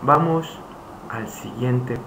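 An Arabic teacher, whose first language is Arabic, gives a screen-recorded language lesson as a voice-over, speaking slowly and haltingly and repeating phrases for students. His voice is mid-range and gravelly, in an echoey room with faint hiss.

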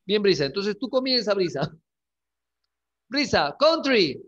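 Slow, high-voiced man teaching a class. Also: very animated, fairly bright tone, lo-fi sound. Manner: slow, clear, repeats each word twice. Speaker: English teacher. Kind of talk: online class lesson.

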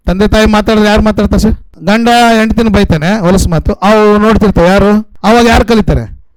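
A man's voice: sits high, no room sound, poor audio. A man preaching a sermon in a North Karnataka accent, constantly asking the congregation questions and repeating his phrases. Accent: North Karnataka Kannada. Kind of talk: sermon with call-and-response questions. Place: church in a coastal city.

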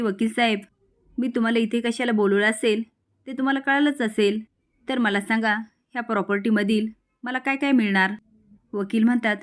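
A woman recounting a TV serial episode, reading each character's lines in her own voice. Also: fairly high pitch.

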